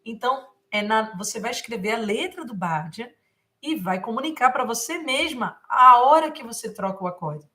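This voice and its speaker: A woman's voice: on the high side, lively intonation, moderate pace. A woman music teacher giving a live guitar lesson, who sings short mantra lines and then patiently explains the chord changes, with frequent fillers. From Brazil. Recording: faint guitar playing behind the voice.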